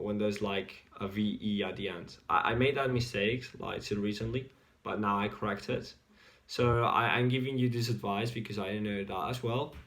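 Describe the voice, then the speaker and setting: A man with a Spanish accent giving a casual English pronunciation lesson, repeating example words slowly and deliberately. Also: lowish voice, fairly bright tone. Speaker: English teacher.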